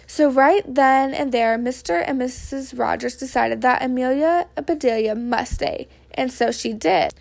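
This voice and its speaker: A woman reading a children's picture book aloud with expressive storytelling. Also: high-pitched, measured pace, vocal fry, hardly any pauses. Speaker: reader.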